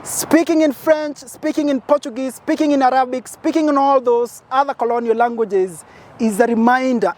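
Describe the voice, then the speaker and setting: A Kenyan man with a very high-pitched voice and a darkish tone gives an impassioned advocacy speech outdoors as a petitioner. He builds his case through emphatic, repetitive lists.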